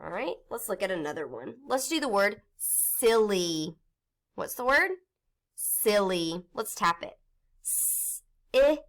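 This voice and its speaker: Slow, patient woman teaching phonics. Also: mid-range voice, big pitch swings, a bit bright. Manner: patient, sounding out letters step by step; encouraging, storybook read-aloud. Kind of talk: recorded phonics lesson for young children.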